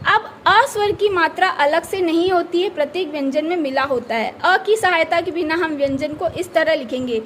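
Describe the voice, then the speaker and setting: A school teacher with an extremely high, slightly bright voice patiently explains a grammar lesson to children at a normal speed, with hardly any pauses. She repeats key words and asks and answers her own questions. There's slight background noise.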